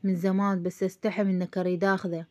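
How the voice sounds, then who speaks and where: A man's voice: high voice, flat delivery, fast talker, natural voice. A woman voicing a playful Iraqi man who spins tall tales, speaking in Iraqi Arabic.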